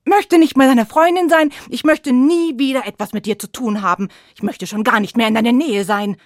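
The sun of a children's storybook , played by a woman storyteller, trusting and big-hearted, speaking up in a raised, emphatic voice at a slow pace. The sound is dry and close. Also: fairly high pitch, lively intonation, darkish tone, no echo, pitched above the performer's own voice. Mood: furious. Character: trusting female sun, warm-hearted and later furious.

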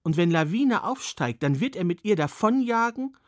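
A man's voice: high voice, very animated, normal speed, no room sound, studio quality. A man voicing an old woman who solemnly foretells a curse, in a storybook reading. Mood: ominous.

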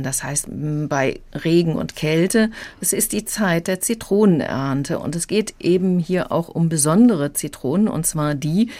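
A woman's voice: deep voice, darkish tone. A woman acting as a literary critic, who explains and summarizes a novel fluently in a radio interview. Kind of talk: radio book review interview.

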